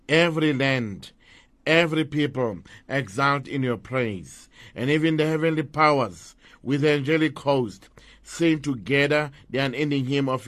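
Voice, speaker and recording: A man's voice: medium pitch, a bit bright, no room sound. A man speaking as a priest at Mass, reciting liturgical prayers in a solemn, formal way.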